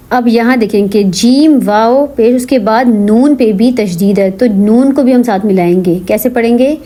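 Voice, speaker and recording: A woman teaching Quran reading, spelling out letters slowly and blending them into drawn-out syllables, with quick casual explanations in between. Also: on the high side, warm tone. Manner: says "theek hai" often, explains in quick casual asides. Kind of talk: slow spelled-out recitation lesson.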